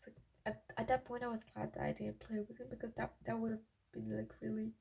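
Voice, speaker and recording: Fast and rambling, a young woman vlogger gossips giddily through her personal stories, interrupting herself again and again. Her voice is fairly high and darkish with a level tone. Clicks and obvious noise mark the raw amateur recording.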